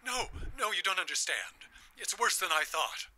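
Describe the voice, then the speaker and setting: A man's voice: high-pitched, very animated, moderate pace, crowd noise. Frantic old grandfather. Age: older. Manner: urgent, stammering, pleading. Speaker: grandfather on a payphone.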